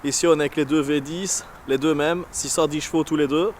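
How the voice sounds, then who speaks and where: A man's voice: fairly high pitch, fairly even intonation, a little fast. Chatty man with an unusual French accent. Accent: non-standard French accent. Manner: chatty, hesitant, many fillers and restarts. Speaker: car channel host. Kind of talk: casual car vlog. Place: in a car, then outdoors beside parked cars. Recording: noisy, with car and street sound. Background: vehicle and street noise.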